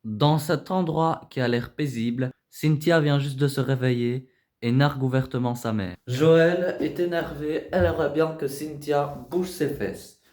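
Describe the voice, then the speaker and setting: A man narrating in a lowered, dramatic announcer tone, parodying a reality-TV documentary, in an echoey room. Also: steady tone, measured pace, a little mellow.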